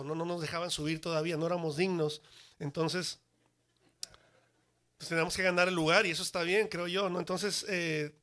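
A man, a church worship leader, telling his personal conversion testimony in an animated way with humorous asides. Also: on the high side.

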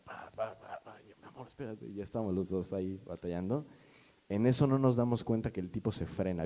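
A man's voice: on the low side, dark tone. A man preaching a sermon as a pastor, talking to the congregation in a conversational, storytelling way.

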